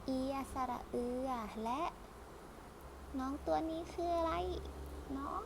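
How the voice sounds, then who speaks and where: A woman teacher talks to young children in a fairly high voice. She speaks very slowly and patiently and sounds out each vowel over and over. The recording has clear background noise. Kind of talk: children's lesson on Thai vowels.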